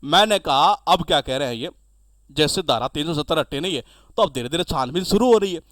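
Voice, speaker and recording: A man's voice: fairly high pitch, lively intonation, a little fast, fairly bright tone, dry recording. A male teacher giving an exam-prep lesson, chatty and acting out little dialogues to teach memory tricks.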